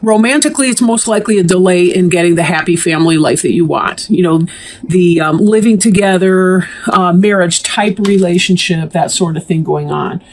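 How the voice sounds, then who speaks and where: A woman talks through a tarot reading in a loose, rambling way, with plenty of ums and frequent throat-clearing. She sounds a little short of breath as she goes. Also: lowish voice, moderate pace. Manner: chatty and meandering, clears throat often. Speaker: tarot reader. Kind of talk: casual tarot reading to camera.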